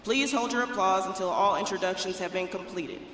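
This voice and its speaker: A woman's voice: medium pitch, fairly quick, fairly bright tone. A woman reading a formal scripted announcement as master of ceremonies at a military event. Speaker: master of ceremonies, Navy officer. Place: large indoor drill hall. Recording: very echoey hall, distant, faint noise.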